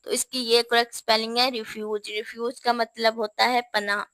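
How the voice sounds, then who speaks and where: A woman with a Pakistani Urdu accent teaching English spelling, spelling words out slowly letter by letter. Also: fairly high pitch, flat delivery, fairly bright tone, no echo. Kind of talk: spelling lesson.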